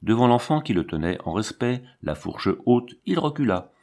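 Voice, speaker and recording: A man reading an audiobook story aloud in steady, dramatic narration. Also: mid-range voice, normal speed. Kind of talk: scripted narration.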